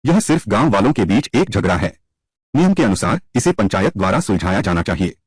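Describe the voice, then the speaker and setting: A man's voice: on the low side, big pitch swings, brisk, breathy edge, dry recording. A man reading all the parts of a dubbed drama in one voice, switching between scornful taunts and pleading.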